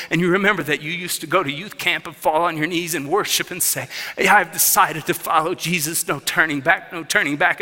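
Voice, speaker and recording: Guy in his 30s preaching, fired up then hushed, kinda high-ish voice, long hall echo. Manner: passionate preaching, swings from hushed to loud. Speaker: pastor. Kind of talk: sermon. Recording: reverberant hall.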